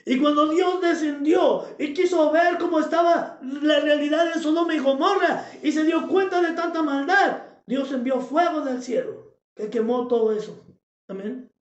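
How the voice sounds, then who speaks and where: A male preacher delivers a fervent sermon in a high voice, driving points home with shouts and repeated phrases. The recording is echoey and lo-fi, with a roomy, dull sound. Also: normal speed. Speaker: pastor.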